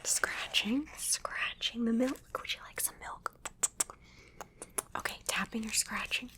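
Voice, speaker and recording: A woman whispering a playful ASMR role-play, coaxing the listener with gentle repeated instructions. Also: fairly high pitch, slow pace. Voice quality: soft whisper. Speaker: ASMR creator.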